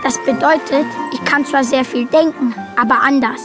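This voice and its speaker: In a children's audio drama with background music, an actor plays an earnest, quirky young boy who is both narrator and main character. His voice sits high and close to everyday speech, with fairly even intonation and a moderate pace, as he explains his story in a matter-of-fact, childlike way.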